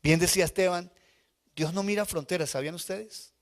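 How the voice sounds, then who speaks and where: A man's voice: high-pitched, a little fast. A male pastor preaching a live sermon in church, telling a personal story with feeling and asking the congregation questions. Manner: emotional personal testimony, asks the congregation questions. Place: church sanctuary before a congregation.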